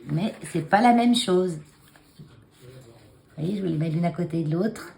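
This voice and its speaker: A woman's voice: on the low side, measured pace, gravelly, darkish tone. A woman chatting to her phone camera at her desk, showing handmade cards, hesitant with many fillers and restarts. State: clearing a frog in her throat. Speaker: craft vlogger showing cards. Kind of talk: casual chat to camera. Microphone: phone camera on a taped stand.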